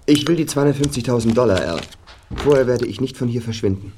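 A man's voice: mid-range voice, fast talker, noisy background, close to an everyday voice. An actor playing a vengeful male blackmailer in an audio drama, theatrical in delivery. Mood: cold, demanding. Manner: menacing, theatrical.

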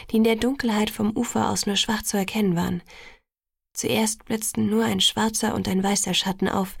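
A woman narrating a novel in the first person in a hushed, breathy half-whisper. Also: mid-range voice, no room sound, studio quality. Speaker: audiobook narrator.

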